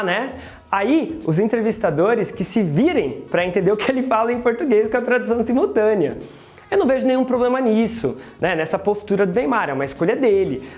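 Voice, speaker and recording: Lively Brazilian woman teaching pronunciation. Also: medium pitch. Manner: expressive, chatty, drills words by repeating them. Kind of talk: lively video lesson commentary.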